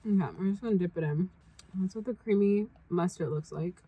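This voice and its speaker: A woman's voice: lowish voice, brisk, breathy edge, dry recording, muffled recording. A young woman vlogger chatting casually while taste-testing snacks, talking with her mouth full at times. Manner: chatty, talks while eating. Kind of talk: casual food taste-test chat. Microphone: camera mic.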